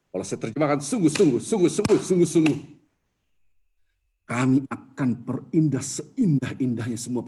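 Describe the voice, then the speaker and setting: A man preaching to a mosque congregation, driving points home with repeated words and dropping to a hushed pleading voice when acting out prayers. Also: medium pitch, breathy edge. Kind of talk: Islamic sermon to a congregation.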